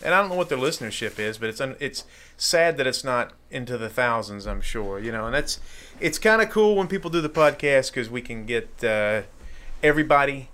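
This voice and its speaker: A man's voice: medium pitch, lively intonation, a little fast, a bit bright. A man chatting casually as an interview guest, effusive and rambling as he goes. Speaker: podcast guest, showman and wrestler.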